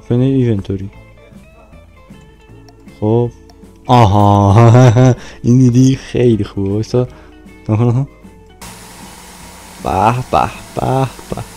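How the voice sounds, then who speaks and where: A young man talks casually to himself as he plays, cheerful and joking. His voice is dark and mellow. Faint game music runs quietly underneath. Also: medium pitch, rough recording. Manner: playful, talks to himself while playing. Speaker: gaming YouTuber.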